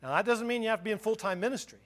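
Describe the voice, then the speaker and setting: A man's voice: sits high, very fast. A middle-aged man preaching a sermon as pastor, impassioned, often repeating words and restarting his phrases.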